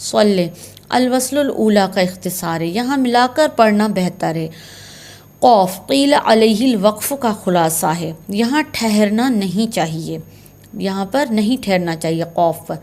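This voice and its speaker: A woman's voice: mid-range voice, expressive, a little slow, a little mellow. A woman teaching Quran recitation signs in a patient, step-by-step way, repeating key terms. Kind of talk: slow explanatory lesson.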